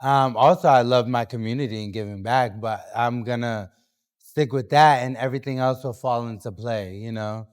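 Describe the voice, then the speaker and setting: A young man from New Hampshire, a guest artist on a casual podcast interview, talks loosely with plenty of fillers and restarts. His medium-pitched voice is clear and resonant, with fairly even intonation at a moderate pace.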